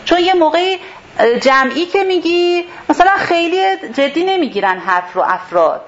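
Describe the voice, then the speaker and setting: A woman's voice: extremely high pitch, expressive. Woman teaching scripture, lo-fi room. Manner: explains step by step, rephrasing terms. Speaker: Quran teacher. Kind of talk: religious class explaining a verse. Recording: dull lo-fi sound with faint hiss.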